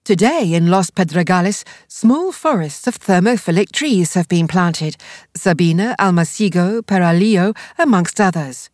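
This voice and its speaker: A woman reading scripted nature documentary narration as an audio guide, in a measured, explanatory way. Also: fairly low pitch, expressive, a little mellow, no echo, studio quality. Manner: measured, explanatory read delivery.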